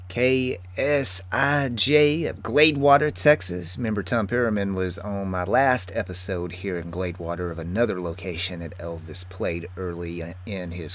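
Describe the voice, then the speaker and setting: Standing at a small-town baseball field, a middle-aged travel vlogger with a lowish, slightly bright voice talks straight to his viewers about music history, full of enthusiasm. Passing vehicles and outdoor ambience can be heard around him.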